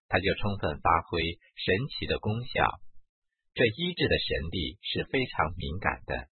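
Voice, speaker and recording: Man, deep voice, very husky, lively pitch, reading a spiritual memoir, tinny phone-like sound. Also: no room sound. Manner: measured first-person reading. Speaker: reader. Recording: tinny narrow-band recording.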